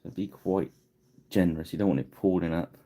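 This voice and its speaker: Male livestream painting host, deep gravelly voice, rambling and chatty. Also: fairly even intonation, brisk, warm tone. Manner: rambling, chatty, laughs at himself. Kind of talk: casual live painting tutorial.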